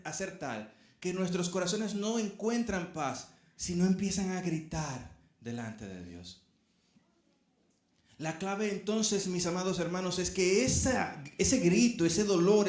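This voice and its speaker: A man's voice: high voice, roomy sound. A middle-aged man preaching a sermon as a pastor, earnest and speaking straight to his congregation.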